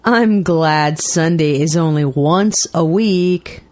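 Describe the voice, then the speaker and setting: A woman reading everyday dialogues aloud for English learners with clear, deliberate enunciation. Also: deep voice, a little mellow, no room sound. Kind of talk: slow scripted dialogue reading.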